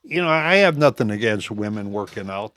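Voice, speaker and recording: Here the eighties-aged gym owner talks a little fast with lively intonation, his fairly low voice carrying a fairly bright tone in a dry recording. He tells rambling old stories for an interview, forever quoting others with "I says."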